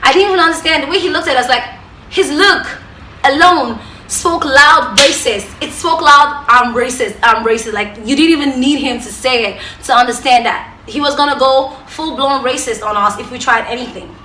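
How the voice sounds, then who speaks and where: A young woman with a Nigerian accent telling stories to camera, animated, jumping from loud bursts to hushed asides. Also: high-pitched, normal speed, reverberant, a little hiss or hum. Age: young adult. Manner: animated storyteller who swings from loud outbursts to hushed asides. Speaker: vlogger. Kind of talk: storytelling to camera.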